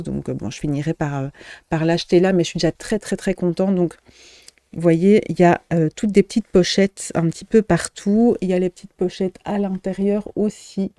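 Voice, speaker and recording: A middle-aged woman shop owner talks through her purchases in a casual vlog, stopping often to search for words. Her voice sits low and warm, and the recording is dry and close, with little room sound. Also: fairly even intonation, normal speed, dry recording. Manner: hesitant, many fillers and restarts, friendly chatter. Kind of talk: casual show-and-tell vlog.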